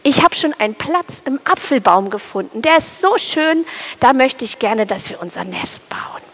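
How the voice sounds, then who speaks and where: A woman's voice: high voice, sing-song, normal speed, fairly bright tone, full character voice. A woman voicing a small, shy female sparrow who talks eagerly and with enthusiasm.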